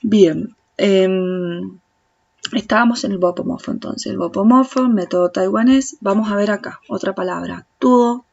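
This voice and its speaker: A woman with a Rioplatense Spanish accent who teaches Chinese in a patient tutorial, repeating sounds slowly and speaking directly to the viewer. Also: mid-range voice, gravelly, darkish tone, lo-fi sound. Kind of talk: slow step-by-step tutorial explanation.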